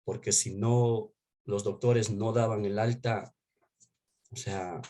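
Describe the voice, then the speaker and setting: A man's voice: lowish voice, flat delivery, slow, dark tone. A male pastor with an Ecuadorian accent giving an earnest, emotional testimony, often restarting his sentences. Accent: Ecuadorian Spanish. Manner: earnest, emotional storytelling with many restarts and fillers. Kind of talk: testimony sermon.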